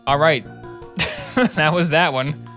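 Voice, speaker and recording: A man's voice: fairly high pitch, fairly even intonation, slow pace, sharp tone. A man hosting a game playthrough, playfully reading the dialogue aloud and acting out the lines. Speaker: gaming video host. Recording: music behind the voice. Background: game music.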